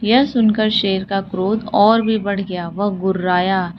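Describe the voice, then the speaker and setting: A woman's voice: mid-range voice, steady tone, measured pace. A woman teaching children a textbook story, reading it and then retelling it in simple words while she asks and answers her own questions and drops in English words. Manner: mixes English words into Hindi. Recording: dull lo-fi audio with clear hiss.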